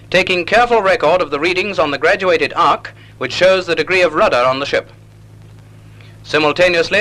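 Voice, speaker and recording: On a vintage soundtrack with poor audio, a male narrator of a 1940s instructional film speaks with measured, didactic care. His tone is bright and crisp-edged, and his pitch is slightly high.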